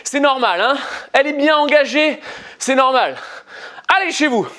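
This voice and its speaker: High-voiced encouraging male fitness coach. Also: expressive, moderate pace, sharp tone. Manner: encouraging, counts reps and urges on. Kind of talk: guided home workout instruction.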